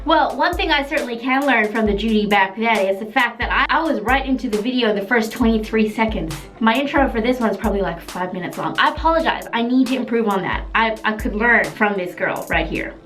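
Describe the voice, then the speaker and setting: A woman's voice: a little high, fairly quick, hardly any pauses, fairly bright tone. A woman from Australia, a beauty vlogger, talking chattily and laughing at herself while doing a makeup tutorial. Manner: chatty, self-deprecating, laughing often. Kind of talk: casual makeup tutorial and reaction. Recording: background music under the voice. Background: music.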